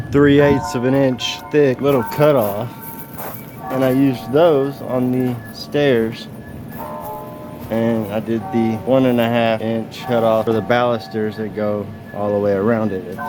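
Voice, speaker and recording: A handyman vlogger with a mid-range voice gives a casual, folksy, easygoing walkthrough of a project. His dentures make him slur slightly and whistle on his s sounds.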